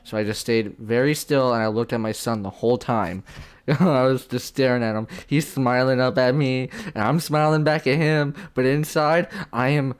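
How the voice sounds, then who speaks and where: Man, American, casual guest chat, animated stories, slangy. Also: medium pitch, moderate pace, clean tone.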